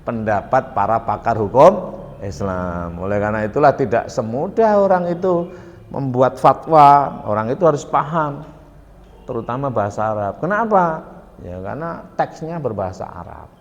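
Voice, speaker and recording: Animated man lecturing in a hall. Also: mid-range voice, moderate pace, dull audio. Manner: animated, questioning students, mixing in Javanese. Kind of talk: classroom lecture. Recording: long echo of a lecture hall.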